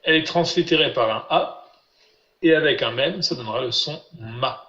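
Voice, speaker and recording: A man teaching a live online class, patiently repeating syllables slowly for his students over a video call. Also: a little high, sharp tone. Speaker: Biblical Hebrew teacher. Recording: roomy, dull lo-fi sound.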